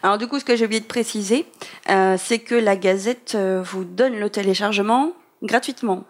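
A young woman hosting a casual podcast, reading news items in a chatty way with quick asides and giggles. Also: mid-range voice. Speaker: podcast host.

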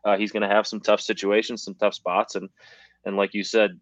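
A young man with a low voice chats about betting in a rambling, filler-heavy way and sounds slightly out of breath. The recording is dull and dry. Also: level tone, fairly quick, dry recording. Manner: chatty, rambling, many fillers. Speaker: sports betting podcast co-host. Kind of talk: casual sports betting chat. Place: hotel at high altitude.

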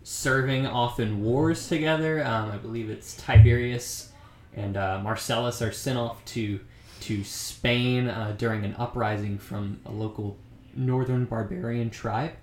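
A man's voice: mid-range voice, steady tone, measured pace, a little hiss or hum. Man explaining history in a roomy space. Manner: explanatory, with frequent ums. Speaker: podcast co-host. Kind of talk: casual history podcast chat.

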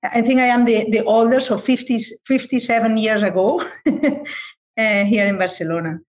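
A woman's voice: on the high side, moderate pace. A woman in her fifties from Spain, head of a family-owned company, speaking hesitantly with fillers on a panel. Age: 50s. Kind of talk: panel discussion. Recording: dull lo-fi sound.

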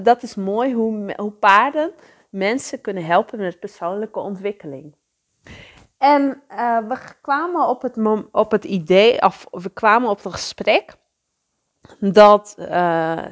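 A woman talks slowly and steadily through an unscripted solo podcast aimed at horse riders. She often hesitates, restarts and repeats herself between fillers. She turns to the listener with direct, reflective questions. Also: medium pitch.

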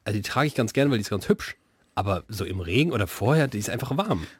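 A man's voice: on the low side, lively intonation, quick pace, breathy edge, no room sound. A man co-hosting a podcast in casual comedic chat, teasing his partner with dry quips. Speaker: podcast co-host.

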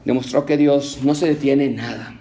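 A male pastor delivering a sermon, emphatic and rhythmic, swinging between raised declarations and hushed, low passages. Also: fairly even intonation, moderate pace.

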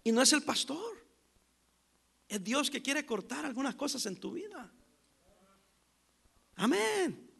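A man preaching a sermon as pastor, telling stories with acted-out dialogue and loud emphatic bursts. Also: very high-pitched, very animated, slow, gravelly, long pauses.

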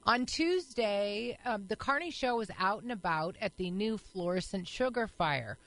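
A woman's voice: mid-range voice, expressive, a bit bright, rough recording. A woman co-hosting a radio show, chatting with callers in an upbeat way and reading ads. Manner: upbeat, quick to cheer callers. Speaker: radio co-host. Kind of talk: casual radio chat and live read.

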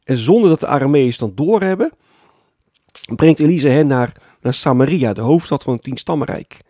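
A man preaching a sermon as pastor, explaining calmly and often adding a tag word to his points. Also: mid-range voice, normal speed, dry recording, studio quality. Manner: calm explanatory preaching with frequent "hè" tags.

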